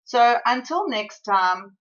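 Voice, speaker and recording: Woman host, from South Africa, excitable and apologetic DIY narrator; sharp bright voice, slightly muffled home recording. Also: fairly high pitch, slow. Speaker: craft tutorial host. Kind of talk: chatty voiceover tutorial.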